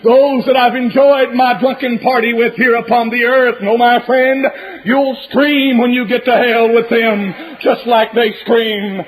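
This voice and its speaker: This fire-and-brimstone sermon comes from a man with a remarkably high voice, dramatic and repetitive, elongating phrases to drive home each warning. The audio quality is poor.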